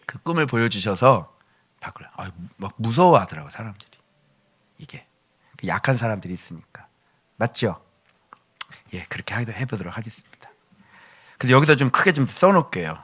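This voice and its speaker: A male pastor giving a sermon in an animated way, with joking asides to his congregation. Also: fairly low pitch, a little fast, pauses often, husky.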